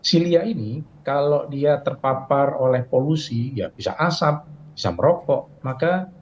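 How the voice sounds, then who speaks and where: A man's voice: mid-range voice, measured pace. A middle-aged man, a health official, explaining patiently in a broadcast interview, with fillers and rhetorical questions. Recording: dull lo-fi sound with faint noise.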